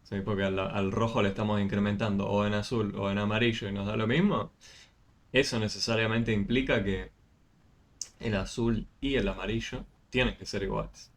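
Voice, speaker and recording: A man, speaking in a fairly low voice, walks a student through math on a video call. He is patient and explains step by step, with frequent fillers and small restarts. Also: steady tone, moderate pace. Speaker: math tutor. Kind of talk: online tutoring session.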